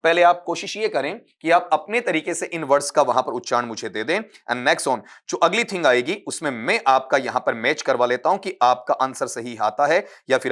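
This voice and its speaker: A man's voice: a little high, a bit bright. A man, teaching an English exam-prep lesson, explaining step by step and asking his students questions. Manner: explains step by step, calls students beta, asks them questions; reads English sentences and spells words out slowly.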